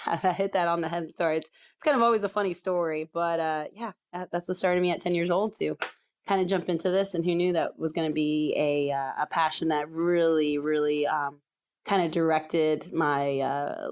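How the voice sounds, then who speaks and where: Woman ref from california chatting on a podcast, lowish voice, lots of ums and little laughs. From San Diego, California. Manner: chatty, laughs often, many fillers and restarts. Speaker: soccer referee guest. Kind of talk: casual podcast interview.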